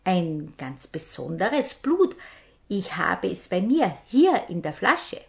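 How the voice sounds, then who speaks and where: A woman voicing a calm, cunning pilgrim herb man who speaks gently and kindly. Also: on the low side, slow pace, creaky, exaggerated voice.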